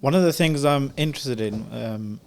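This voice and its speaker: A man's voice: mid-range voice, normal speed, darkish tone. A man hosting a podcast, asking curious questions in a casual, hesitant way with many fillers. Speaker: podcast host.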